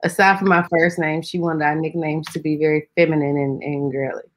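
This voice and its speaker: A woman singer as a guest on a chat show, relaxed and chatty. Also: deep voice, fairly quick. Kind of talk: casual interview chat.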